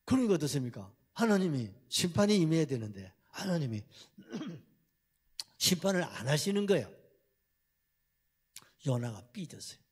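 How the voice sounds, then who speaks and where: A man preaching a sermon with a Gyeongsang accent, telling the story in animated, colloquial fashion and often clearing his throat. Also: on the high side, normal speed, pauses often. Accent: Gyeongsang Korean. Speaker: pastor.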